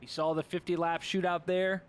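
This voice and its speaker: A young man calling a sim racing broadcast, excitable and quick to laugh during close battles. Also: high-pitched, clean tone. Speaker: race commentator.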